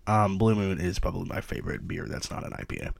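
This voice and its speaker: A young man talks through his podcast intro in a loose, joking ramble full of ums and uhs. His voice sits fairly low. The sound is close and dry, with no room around it. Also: wildly swooping pitch, fast talker, vocal fry, dry recording, in a whisper. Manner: rambling, jokey, lots of fillers. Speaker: podcast host. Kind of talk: casual chatty podcast intro. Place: his trailer behind an amusement park.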